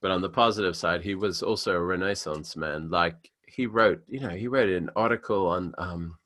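A man's voice: sits low, normal speed, fairly bright tone. A man co-hosting a podcast in casual chat, teasing and joking. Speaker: podcast co-host.

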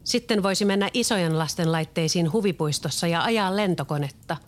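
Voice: mid-range voice, close to an everyday voice. A reader doing an eager little girl. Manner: mumbling, eager.

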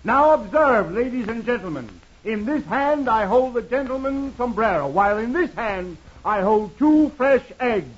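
Traveling magician-huckster, radio western: high voice, grandiose barker style, muffled vintage recording. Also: male voice, animated, normal speed, hardly any pauses. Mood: showy, grand. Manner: grandiose barker patter, projected. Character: Eddie Morongo, showy traveling magician and elixir huckster. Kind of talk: old radio western acting. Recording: muffled old radio recording, faint noise.

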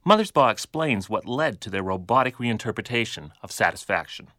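Male radio host, low and dry, measured narrator. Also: animated, pushed and bright, dry recording. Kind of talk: scripted narration and interview.

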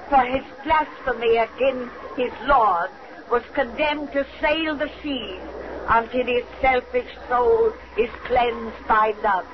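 A woman playing an ancient, folksy witch who tells eerie tales in 1930s radio drama style. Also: a little high. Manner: folksy, drawn-out, eerie cackling delivery. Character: cackling ancient witch storyteller, over a hundred. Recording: noisy, muffled 1934 radio recording.

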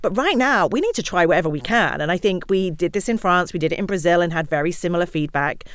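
Woman, interview guest, animated storyteller, rapid speech, dry close sound. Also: on the low side, no room sound. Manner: fast, animated storytelling with acted-out quotes. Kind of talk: conversational interview.

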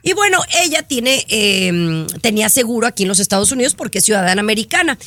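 A woman hosting a casual chat show, telling stories in an animated, exasperated way. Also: mid-range voice, quick pace, no echo. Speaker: show host. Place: in Florida.

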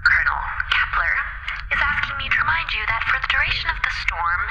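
An actress playing a weary communications officer talking over a crackly radio link in an audio drama. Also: female voice, sits high, big pitch swings, fast talker, full character voice. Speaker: communications officer on a distant ship. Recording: loud static over radio.

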